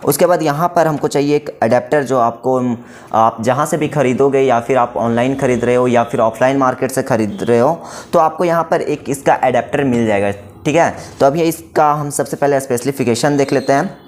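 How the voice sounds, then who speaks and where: A music shop employee casually demos a keyboard, walking through each step and frequently checking in with the viewer. His voice sits at a medium pitch and moves fairly quickly. Faint keyboard tones can be heard in the background.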